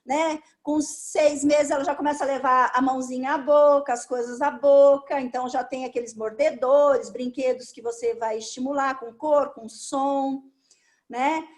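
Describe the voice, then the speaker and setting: A Brazilian woman with a Brazilian Portuguese accent, a speech therapist guest explaining things patiently, step by step, in an interview. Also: high-pitched.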